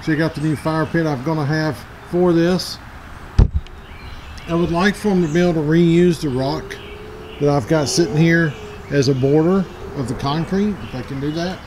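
A man's voice: fairly high pitch, normal speed, background noise. A man in his forties giving a rambling, plainspoken tour of his backyard, recorded outdoors on a handheld camera. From Middle Tennessee. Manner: rambling and plainspoken, self-correcting. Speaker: outdoors channel host. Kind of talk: casual walkthrough vlog.

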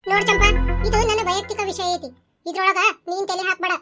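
A woman voicing a headstrong, scheming young village lady in a cartoon, petulant and sharp-tongued, with a North Karnataka Kannada accent. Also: very high-pitched, fairly even intonation, quick pace, music in the background. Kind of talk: cartoon voice acting.

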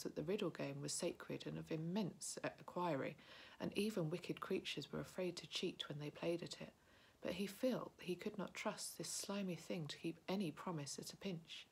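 A woman reads a chapter book aloud to young listeners in a calm, steady storytelling voice. She often drops to a hushed near-whisper. Her voice is low and very husky, with a lot of breath in it. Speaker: early childhood educator reading to children. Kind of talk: reading a novel aloud.

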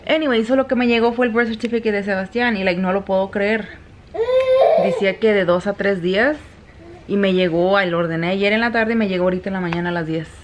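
A woman's voice: medium pitch, fairly even intonation, fast, a little hiss or hum. A woman in her thirties with a Mexican accent, chatting casually at home in a vlog and switching between Spanish and English mid-sentence. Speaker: vlogger. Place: home indoors.

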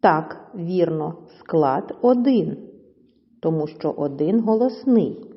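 A woman teacher giving a slow, clear lesson to children, stretching words out syllable by syllable. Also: low-pitched, expressive. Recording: dull audio with long reverb.

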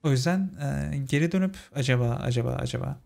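A man's voice: medium pitch, a little fast, gravelly, darkish tone. A young man giving casual let's-play commentary, chatting with his viewers as friends. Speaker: gaming channel host.

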